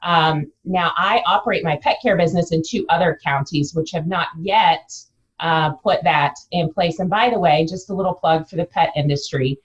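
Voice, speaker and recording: A woman's voice: fairly low pitch, moderate pace, muffled recording. A middle-aged woman answering casually as a business owner being interviewed.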